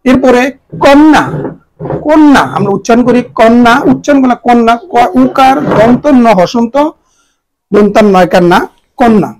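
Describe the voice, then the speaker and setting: A man teaching a grammar lesson to students, spelling out the pronunciation of words slowly, letter by letter. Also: extremely high pitch, darkish tone, a little hiss or hum, rough recording. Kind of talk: exam-prep grammar lesson.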